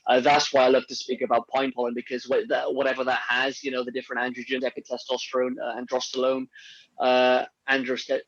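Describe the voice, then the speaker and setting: On a men's health podcast, a male guest chats casually about health supplements, rambling with lots of fillers and restarts. His medium-pitched voice stays monotone and moves fairly quickly. The audio is dull but free of echo.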